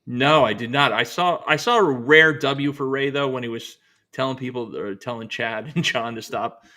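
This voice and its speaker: A man's voice: mid-range voice, moderate pace, bright, forceful tone. A man co-hosting a casual chat, with blunt, teasing and crude banter.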